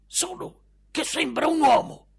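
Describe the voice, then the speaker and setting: A man voicing a disapproving, alarmed middle-aged mother with a high, shrill, exclaiming voice. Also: unhurried, vocal fry, heavily acted.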